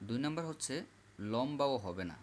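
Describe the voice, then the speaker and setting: A man's voice: medium pitch, animated, brisk, a little mellow, slight background noise. Guy teaching arabic letters for quran, says each one over and over, medium voice. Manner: repetitive, drills letters aloud. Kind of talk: slow classroom instruction.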